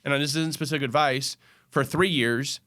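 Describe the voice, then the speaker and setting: Animated, folksy male radio host. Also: medium pitch, no room sound, clean studio sound. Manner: animated, folksy explainer with quick asides. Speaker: radio show host, financial advisor. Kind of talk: casual radio talk show chat.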